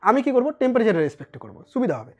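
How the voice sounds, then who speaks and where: A man's voice: extremely high pitch, very animated, very fast, a little mellow, dull audio. A man teaching a physics lesson at a board, chatty and teasing, quizzing his students and answering for them. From West Bengal, India. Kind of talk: informal whiteboard lesson.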